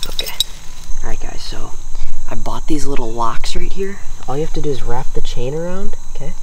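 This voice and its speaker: A man's voice: medium pitch, moderate pace, noisy background. Teenage boy vlogging outdoors, insects buzzing. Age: teens. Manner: relaxed, frequent ums and uhs, addresses viewers as guys. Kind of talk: casual outdoor vlog narration. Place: outdoors in woods and fields on a farm.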